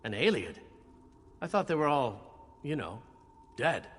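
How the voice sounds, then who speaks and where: In a full character voice, a man plays a video game's cocky, sardonic knight, a jaded, charming male adventurer who talks in a teasing, wry, flippant way. The delivery is medium-pitched, sing-song, a little slow and fairly bright with a breathy edge, heard with long hall reverb and music in the background.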